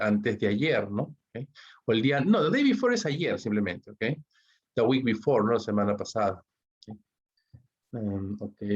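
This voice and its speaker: A man's voice: medium pitch, darkish tone. A man with a Peruvian Spanish accent teaching English grammar in an online class, walking through the rules step by step and checking in with "¿ok?" after nearly every line. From Peru. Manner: explains step by step, checks with constant "¿ok?" and "¿no?". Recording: dull lo-fi recording.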